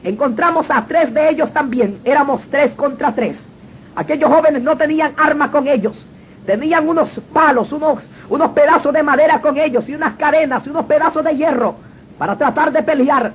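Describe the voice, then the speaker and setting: A man's voice: very high voice, moderate pace. A man telling his personal testimony in an earnest, dramatic storytelling manner. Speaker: testimony speaker. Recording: dull lo-fi recording with faint noise.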